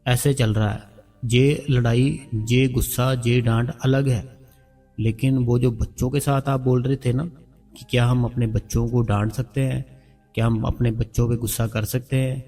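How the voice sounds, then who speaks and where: A man gives gentle, repetitive spiritual advice in an informal devotional talk. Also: medium pitch, little pitch movement, normal speed, distant mic, soft background music. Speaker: spiritual channel host.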